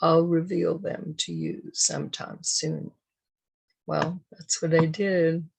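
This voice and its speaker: A woman hosting a parenting show, giving a deliberate, emphatic scripted talk to parents. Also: deep voice, level tone, vocal fry, a little mellow, slightly rough, low-quality recording. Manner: slow, deliberate, emphatic delivery. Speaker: parenting educator and show host.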